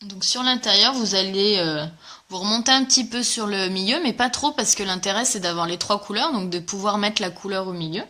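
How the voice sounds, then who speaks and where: A woman with a bright, clear voice hosts a casual live makeup tutorial. She talks in a bubbly, chatty way, full of fillers, and greets her viewers while she demonstrates. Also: medium pitch, brisk. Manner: chatty and enthusiastic, many fillers. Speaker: makeup presenter.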